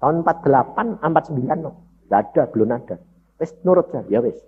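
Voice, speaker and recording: A man's voice: a little high, animated, fast, slightly rough. A man preaching a sermon, telling a personal story and addressing the congregation directly. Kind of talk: sermon testimony. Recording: dull lo-fi sermon audio.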